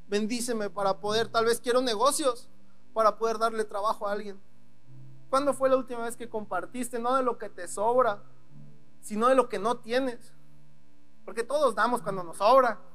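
A pastor with a Mexican Spanish accent and a high-pitched, slightly bright voice preaches in a casual, conversational way. He dramatically acts out prayers and God's replies as quotes. The recording is rough.

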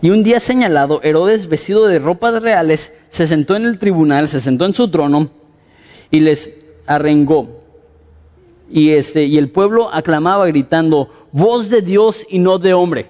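A man preaching a sermon, animated and conversational with frequent fillers. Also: fairly high pitch, moderate pace, in a large hall.

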